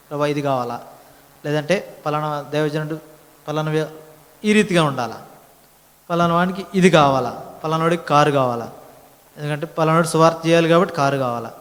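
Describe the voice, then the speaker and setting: A man's voice: high voice, fairly bright tone. A man preaching a sermon at a prayer meeting, swelling into emphatic lines and asking the listeners questions. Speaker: pastor. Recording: long hall reverb.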